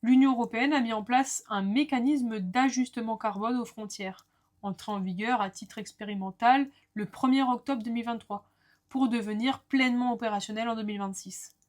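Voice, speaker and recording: Woman lecturer explaining in a higher voice. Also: normal speed. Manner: clear, structured explaining with asides to the viewer. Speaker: law lecturer. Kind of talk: explanatory lesson.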